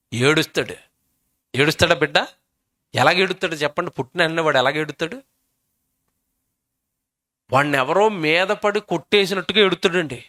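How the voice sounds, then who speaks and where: A man's voice: a little high, sharp tone. A male preacher, delivering a sermon and emphatically quizzing his audience.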